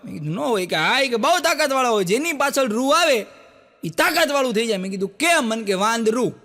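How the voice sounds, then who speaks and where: A man's voice: a little fast, in a large hall. A man telling folk jokes on stage, acting out each character in his stories. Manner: animated storyteller, acts out quoted characters with jumps in pitch. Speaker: stand-up joke teller. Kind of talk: Gujarati folk joke telling to a live audience. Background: audience laughter.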